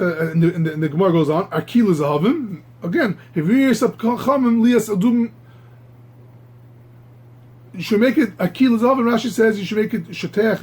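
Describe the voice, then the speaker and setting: A man teaching a Talmud class, halting and repeating words, marveling aloud at the texts. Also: high voice, slightly rough. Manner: halting, repeats words while reaching for the next; animated, marvels aloud at the text. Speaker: Torah teacher.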